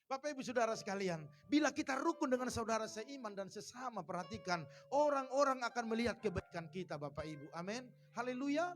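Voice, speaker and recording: A man preaching a church sermon, lively and joking, acting out little everyday scenes. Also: extremely high pitch, brisk. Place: church service.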